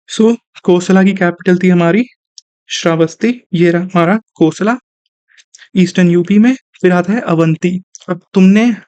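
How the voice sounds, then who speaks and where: Man, high voice, lecture, Hindi with terms, dry close mic. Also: darkish tone, no echo. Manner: explains in Hindi mixed with English terms, asks and answers his own questions. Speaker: exam prep teacher. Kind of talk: online lecture. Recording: dry, slightly dull recording.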